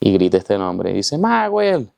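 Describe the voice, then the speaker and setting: A man's voice: mid-range voice, a little fast, creaky, darkish tone, dry recording. A man giving a personal faith testimony, telling his story with emotion and acting out the voices in it. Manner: emotional storytelling, with vivid reenactment of dialogue. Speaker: testimony speaker.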